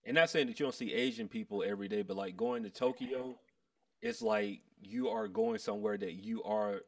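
A man's voice: on the low side, sing-song, moderate pace, gravelly, recorded from a distance. An American man in casual chat with friends, talking in a slangy, buddy-like way full of "bro".

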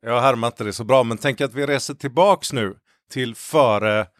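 A man's voice: medium pitch, fairly bright tone. A man co-hosting a podcast, telling anecdotes in a dry, self-ironic manner. His voice sits in the middle range. The sound is close and dry, with no room echo. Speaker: podcast co-host. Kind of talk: casual chat, storytelling.

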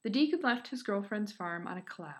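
A woman's voice: medium pitch, lively intonation, brisk. A woman with a Michigan accent co-hosting a podcast, telling a story casually with giggly, informal asides. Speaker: podcast co-host.

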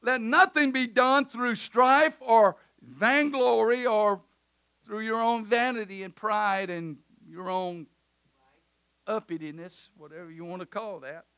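During a church service, a preacher's loud, high voice cuts bright and sharp through the sanctuary, swinging from fervent shouting to soft, offhand remarks. His is easy to hear in his casual phrasing. His tone is steady and smooth, at a measured pace.

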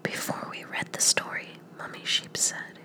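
A woman podcaster whispering a bedtime story meant to send the listener to sleep, softly repeating words over and over. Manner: soft whisper, slow hypnotic repetition of words.

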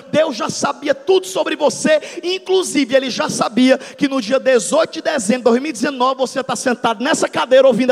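High gravelly-voiced man preaching. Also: big-room sound. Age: 30s. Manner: dramatic storytelling, swings from soft to shouting. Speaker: pastor. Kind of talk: sermon testimony. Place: church hall.

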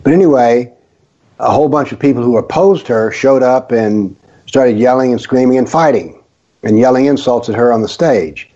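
An older man from the American South talks on a radio show, spinning stories with dry, sarcastic humor. His voice sits at a middle pitch. The audio is dull and lo-fi. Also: normal speed, mellow. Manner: wry, sarcastic, storytelling. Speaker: guest author. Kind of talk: casual radio talk.

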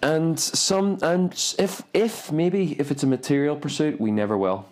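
A man co-hosting a podcast, chatting casually and teasing his friend with playful, drawn-out remarks. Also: fairly high pitch, darkish tone. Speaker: podcast co-host. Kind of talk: casual banter.

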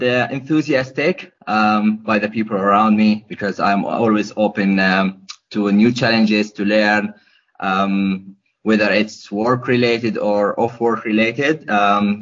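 A man's voice: fairly low pitch, a bit bright. A young man from Gaza, answering podcast questions hesitantly, with many ums and restarts. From Gaza, Palestine. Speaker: podcast guest. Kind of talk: casual interview answers. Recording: dull lo-fi podcast audio.

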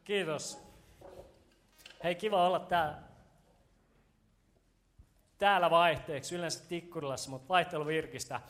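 Man, pastor, high voice, lively and joking, gets loud when excited, casual sermon from a church stage. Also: long pauses. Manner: animated, voice rises and turns loud when excited; casual, joking, talks straight to the congregation. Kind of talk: sermon with personal storytelling. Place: church stage before a congregation.

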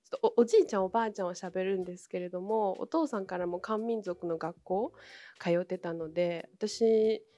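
A woman's voice: mid-range voice, a little fast, warm tone, muffled recording, soft background music. A young woman from Inner Mongolia whose first language is Chinese, answering interview questions politely with many hesitant fillers. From Inner Mongolia, China. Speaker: interview guest, former international student.

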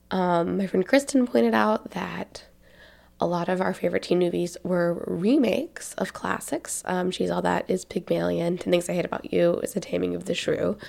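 A Tennessee woman in her twenties hosts a laid-back podcast, chatting away with plenty of "um"s and "like"s in her Southern American accent. Her voice is medium in pitch and dark in tone, with noticeable vocal fry.

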